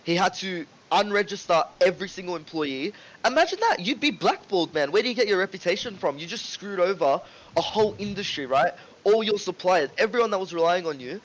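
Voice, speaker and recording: A man co-hosting a casual podcast, talking in an animated way, swearing and often asking "right?" and "you know what I mean?". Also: high voice, a little fast, low-quality recording. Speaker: podcast co-host. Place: home room with ring light.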